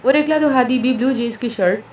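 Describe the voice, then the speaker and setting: Woman narrator reading a romance story, steady delivery; distant mic, faint room ambience. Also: on the high side, fast talker, reverberant, lo-fi sound, slight background noise. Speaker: story reader. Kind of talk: reading a romance novel aloud.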